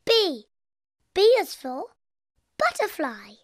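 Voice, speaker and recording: A woman voicing a cheerful little girl piglet in a cartoon, bubbly and giggly with crisp British diction. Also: very high voice, huge pitch swings, slow, noisy background, full character voice. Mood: playful. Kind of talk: cartoon voice acting. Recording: cartoon soundtrack with music behind.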